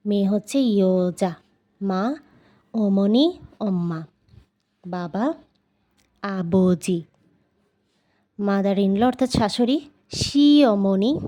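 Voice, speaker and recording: A woman with a Bangladeshi Bengali accent teaching vocabulary in a casual lesson, saying each word slowly and repeating it to drill it in. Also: medium pitch, warm tone. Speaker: language teacher.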